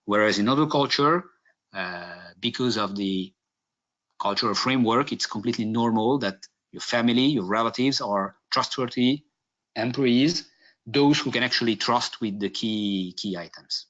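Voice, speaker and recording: A man from Hungary giving a business webinar presentation, halting, with many fillers and restarts. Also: mid-range voice, a bit bright. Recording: dull lo-fi webinar audio.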